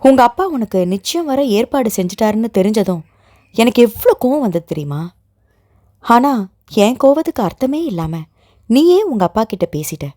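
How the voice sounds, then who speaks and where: A woman voicing a protective young man who comforts his fiancée and gently scolds her. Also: extremely high pitch, big pitch swings, moderate pace, dry recording, studio quality. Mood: tender reassurance.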